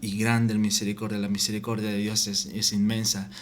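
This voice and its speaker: A man giving an informal Bible teaching, reading scripture aloud and often halting and repeating words. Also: on the low side, completely flat delivery, slight background noise. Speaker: preacher.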